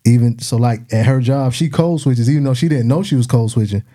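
A man with a Southern, South Carolina accent and a very soft-edged, dark voice. He talks casually in colloquial slang, at an average pitch. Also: a little fast. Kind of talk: casual chat.

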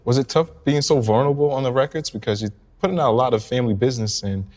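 A man's voice: medium pitch, rapid-fire, a little mellow. A man hosting a podcast interview, asking curious, probing questions. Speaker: podcast host.

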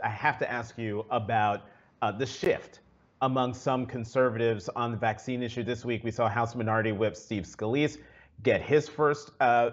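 A man's voice: medium pitch, dull audio. A man hosting a news interview show, asking questions with frequent "uh" fillers. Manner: hesitant, many uh fillers.

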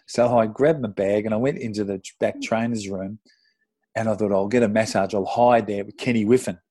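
A middle-aged Australian man, a former footballer, telling an animated, sweary anecdote with self-deprecating laughs in casual podcast chat. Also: lowish voice, fairly quick, no room sound. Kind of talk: casual storytelling.

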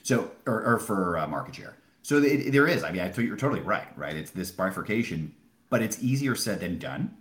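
A Wall Street retail analyst gives conversational expert analysis in a podcast interview, his fairly low, fairly bright voice swinging widely in pitch at a slightly fast pace. He explains emphatically, posing questions and answering them himself, in a roomy, echoing recording.

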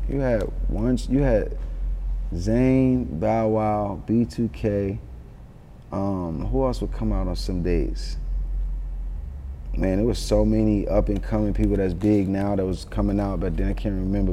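A man tells stories in a relaxed interview. His voice is mellow and dark, and the hall gives it a long reverb. He talks loosely and excitedly, swears, and keeps adding "you know what I'm saying". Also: lowish voice, a little slow, slight background noise. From Atlanta, born in Yonkers. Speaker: interview guest, rapper. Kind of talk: casual storytelling interview.

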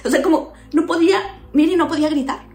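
Expressive woman recounting events. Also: high voice, quick pace, roomy sound. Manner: expressive, explains to listeners. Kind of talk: casual chat.

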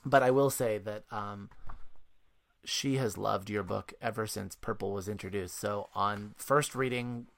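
A man's voice: on the low side, a little slow, vocal fry, a bit bright. A man speaking as a parent guest, telling rambling anecdotes in casual chat and laughing often.

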